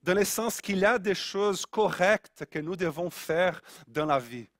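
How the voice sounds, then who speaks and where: A male preacher with a Brazilian accent delivers an earnest sermon, often repeating his key lines. His voice sits high and moves at a deliberate, slow pace. The sound is close and dry. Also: fairly bright tone, no room sound. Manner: repeats phrases for emphasis, earnest.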